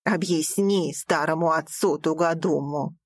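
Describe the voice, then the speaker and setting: A woman voicing a distraught, stern father in an audiobook, speaking in a slow, heavy, scolding way. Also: deep voice, slightly rough, no echo, voice pushed down, heavily acted. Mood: angry. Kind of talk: audiobook character voice.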